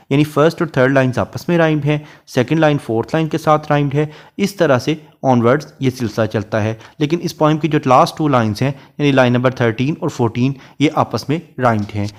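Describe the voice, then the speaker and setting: A man giving a literature lecture, reading English poetry lines very slowly and then explaining them at length in Hindi. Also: mid-range voice. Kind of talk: recorded lecture.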